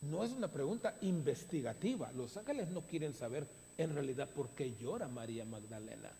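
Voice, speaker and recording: A man preaching a sermon as pastor, stressing words with long dramatic pauses, recorded in a church sanctuary. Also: mid-range voice, lively intonation, gravelly, mellow. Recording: reverberant hall, faint hum.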